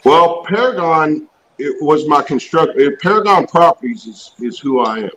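A man's voice: a little high, expressive, moderate pace, fairly bright tone, a little hiss or hum, low-quality recording. A man in his mid-forties, a reptile breeder and business owner, talking as a guest in a folksy, blunt, plain-spoken way. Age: 40s. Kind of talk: casual chat.

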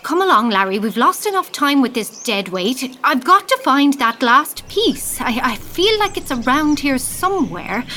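A woman playing a haughty, sharp-tongued old queen in an audio drama. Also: high voice, sing-song, moderate pace, hardly any pauses, a little hiss or hum, heavily acted. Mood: impatient, probing. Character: haughty, menacing Snow Queen posing as friendly old woman.

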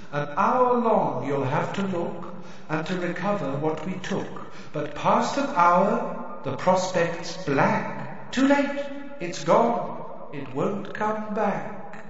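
A man voicing an eerie underwater chorus of merpeople, chanting slowly in a sing-song way. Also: high-pitched, heavy reverb, in a large hall, voice pushed up. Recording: dry, dull lo-fi recording.

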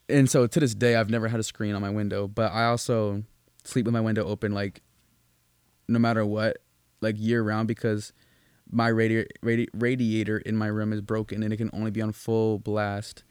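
Recorded dry with studio quality, this young man speaks in a fairly low, darkish, smooth voice. As a podcast co-host in a casual chat, he rambles through stories, swearing, restarting and using lots of fillers.

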